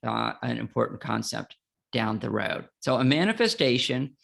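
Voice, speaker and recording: Casting: middle-aged man, gravelly voice, playful law teacher on a podcast. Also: medium pitch, a bit bright. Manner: playful, self-mocking, explanatory. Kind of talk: casual explanatory chat.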